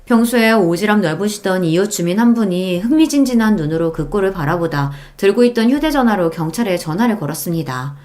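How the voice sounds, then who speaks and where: A woman's voice: lowish voice, lively intonation, a little fast, hardly any pauses, darkish tone. A woman narrating a first-person audiobook story in an indignant, emphatic tone.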